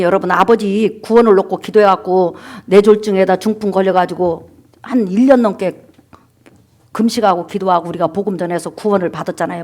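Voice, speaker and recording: A woman's voice: mid-range voice, a little mellow. A woman pastor preaching a sermon and telling a testimony, calling for amens and asking the congregation questions. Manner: exhorting, calls for amens, rhetorical questions to the congregation; acts out quoted people in her stories.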